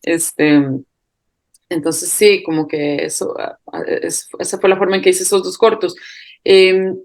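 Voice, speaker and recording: Woman, Costa Rican accent, low voice; hesitant, restarts often, soft laughs between thoughts. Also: level tone, unhurried. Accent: Costa Rican Spanish. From Costa Rica. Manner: hesitant, thinks aloud with many fillers and restarts; laughs lightly while talking. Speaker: film director. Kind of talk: interview answers.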